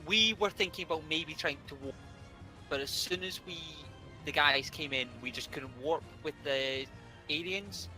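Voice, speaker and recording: A man playing a tabletop role-playing game online, talking haltingly with lots of fillers while his choppy connection keeps cutting out his words. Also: on the high side, bright, forceful tone, faint music behind, low-quality recording. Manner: hesitant, halting, full of fillers. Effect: choppy audio, words cutting out from a failing internet connection. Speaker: player. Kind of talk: casual online tabletop roleplay. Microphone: online voice call.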